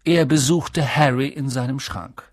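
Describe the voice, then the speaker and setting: An audiobook narrator reading a story in a measured, expressive way. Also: mid-range voice, no echo, studio quality. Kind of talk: scripted narration.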